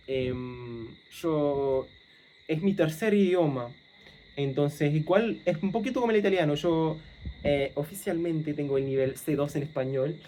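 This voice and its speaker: In a casual monologue to camera, a young language-learning vlogger from England speaks Spanish that leans Argentine, his native English still underneath. His fairly high voice sounds mellow and dark, and he thinks aloud with frequent pauses, fillers and mid-thought corrections. Faint insects and night sounds add slight background noise.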